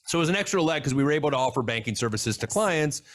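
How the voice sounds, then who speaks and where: A man's voice: a little high, expressive, very fast. A man hosting an advisor podcast, chatting casually and telling stories as he introduces his guest. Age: older adult. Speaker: podcast host. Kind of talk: casual interview chat.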